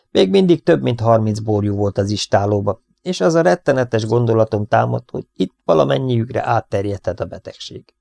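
A man narrating an audiobook in calm, even storytelling. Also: lowish voice, vocal fry, dry recording. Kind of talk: scripted narration.

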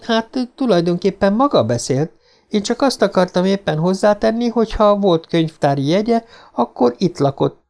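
A man's voice: high-pitched, expressive, a little mellow, pitched above the performer's own voice. A man voicing a polite, helpful young woman working as a librarian.

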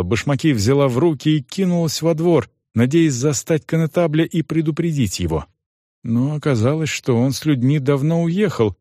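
A man's voice: mid-range voice, no echo. Man narrating an audiobook, dry close sound. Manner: measured, expressive storytelling.

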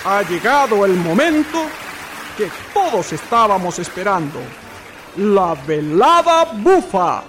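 A man's voice: sits high, big pitch swings, takes it slowly, exaggerated voice. A man playing a grandiose master of ceremonies at a town festival in an audio drama, announcing pompously. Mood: pompous, festive. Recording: noisy crowd behind the voice.

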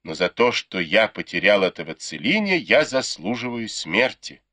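A playful, impulsive young nobleman, voiced by a male reader. Low-pitched underneath but lively and forceful. Dry, close sound. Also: moderate pace, no echo, heavily acted. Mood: exclaiming. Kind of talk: audiobook character reading.

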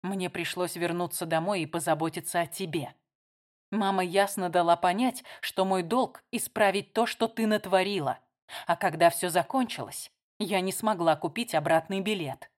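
A woman's voice: on the low side, close to an everyday voice. A woman reading a novel aloud, voicing a tired, defensive older sister. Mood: weary. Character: weary married woman, guarded older sister.

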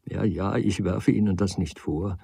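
A man's voice: sits low, measured pace, gravelly, mellow, breathy edge, no room sound, heavily acted. A man reading the part of a desperate woman who weeps, pleads and reproaches her lover. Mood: pleading. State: crying.

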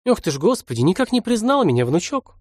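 A man's voice: sits high, sing-song, fast, slightly rough, no room sound, studio quality, voice pushed up, heavily acted. A man reading aloud and voicing a tearful, fussing old village grandmother with a folksy, doting way of talking.

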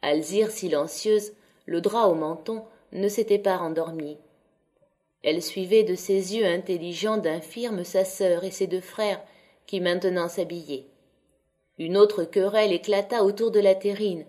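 A woman narrating a classic novel as an audiobook, reading in a measured, even, descriptive way. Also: on the low side. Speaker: audiobook reader.

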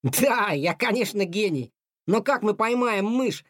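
A man's voice: high voice, expressive, unhurried, a bit bright, dry recording, studio quality, pitched above the performer's own voice. A man voicing a cheerful, unflappable male yard cat in an audiobook, jaunty and matter-of-fact. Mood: wry.

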